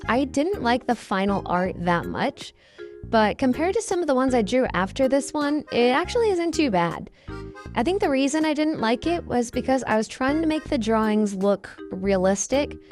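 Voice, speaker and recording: High-pitched young woman through a voice changer. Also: darkish tone. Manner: informal, self-deprecating. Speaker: host, hobby artist. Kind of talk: casual unscripted video commentary.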